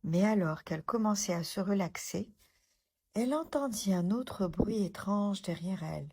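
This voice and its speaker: A woman reading a children's storybook aloud, gentle and expressive. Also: medium pitch, normal speed, breathy edge.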